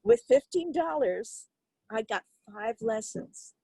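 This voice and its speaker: A woman's voice: on the high side, sing-song, slow pace, creaky, slightly rough, dry recording, low-quality recording. Older woman, dry close storytelling voice. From Turkey. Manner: reflective, warm storytelling with fillers and restarts. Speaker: interviewee, violinist. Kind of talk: conversational interview.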